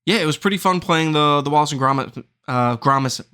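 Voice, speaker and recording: A man's voice: fairly high pitch, brisk, pushed and bright, smooth. A man hosting a gaming podcast in casual chat, rambling and searching for words. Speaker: podcast host.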